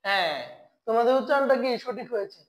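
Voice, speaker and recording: Brief: female tutor, slightly high voice, quizzes the class and answers her own questions. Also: lively intonation, poor audio. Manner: asks the class questions and answers them herself; slow, drawn-out spelling of syllables. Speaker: Korean language teacher. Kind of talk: online language lesson.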